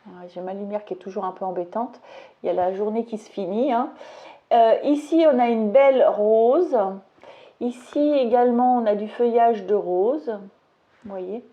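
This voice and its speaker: Fairly high-pitched and speaking at a moderate pace, this woman sounds like she's coming through a phone. She rambles casually about craft stamps at her home table, tossing in self-deprecating remarks during her product haul and demo.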